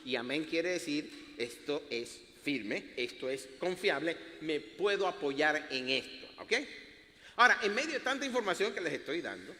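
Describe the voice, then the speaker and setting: A man's voice: fairly high pitch, very animated, normal speed, pushed and bright. A man preaching a sermon as pastor, teaching in a playful way and laughing at himself. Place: church hall. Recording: echoey church hall.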